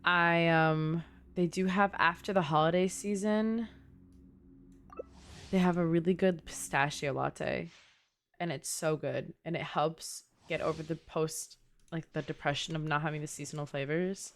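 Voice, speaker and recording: In a low, steady voice at a slightly slow pace, a young woman gives casual livestream commentary on a game, wandering into conversational asides. Background noise is clearly present.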